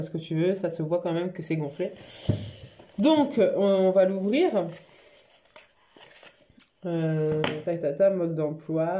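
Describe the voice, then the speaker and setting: A woman talking casually and frankly in a home haul vlog, chatty and quick to laugh. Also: fairly low pitch, warm tone. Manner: chatty, frank, laughs easily, many fillers. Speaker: beauty vlogger. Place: home living room by a Christmas tree.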